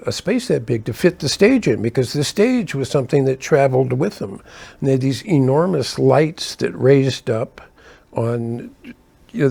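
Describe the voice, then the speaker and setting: Gravelly older man telling road stories. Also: medium pitch, mellow. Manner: rambling, self-correcting, chuckles between asides. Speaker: keyboard player telling tour stories. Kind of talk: casual anecdotal storytelling.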